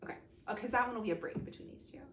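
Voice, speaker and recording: Chatty, gushing woman reviewing books, a touch high-pitched, mic set back from her. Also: racing, a little hiss or hum. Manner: chatty and gushing, with frequent laughs. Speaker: book reviewer. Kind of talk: casual chat. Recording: roomy sound from a distant mic.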